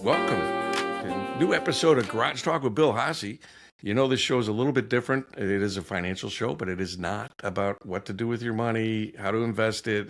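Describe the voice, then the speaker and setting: Male podcast host, gravelly low voice, easygoing conversational interviewer. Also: fairly quick, faint music behind.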